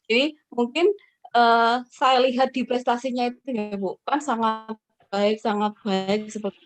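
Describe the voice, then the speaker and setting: A woman, a mother, asking a question in a webinar and telling a chatty, polite story about her child. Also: on the high side.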